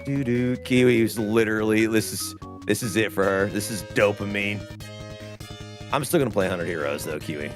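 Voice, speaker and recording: A man's voice: fairly low pitch, normal speed, over music. A man hosting a casual gaming stream, rambling and laughing as he chats. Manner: rambling, laughs often, drawling asides. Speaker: stream host.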